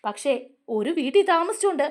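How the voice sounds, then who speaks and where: A woman's voice: sits high, big pitch swings, a little fast. A woman playing a stern scolding man. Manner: scolding, demanding. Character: stern older brother figure, scolding.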